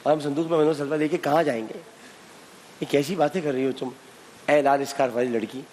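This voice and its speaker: A man's voice: fairly high pitch, steady tone, moderate pace, a little mellow. A man hosting a televised quiz, teasing and pressing contestants for answers with impatient repeated prompts. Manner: impatient, needling, repeats commands. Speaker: quiz show host. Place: TV studio with live contestants. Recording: long studio reverb, faint hiss.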